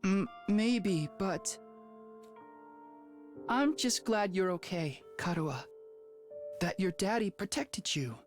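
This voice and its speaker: An earnest anime hero as a little boy, speaks slowly and tenderly. He sounds determined and protective, in game-dub style, with faint music behind. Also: medium pitch, lively intonation.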